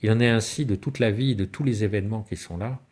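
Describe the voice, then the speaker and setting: He speaks on the low side at a quick pace, his tone darkish, in a spiritual lecture about alchemy and symbolism. The talk moves through stories and rhetorical questions, with sudden rises and falls in his voice.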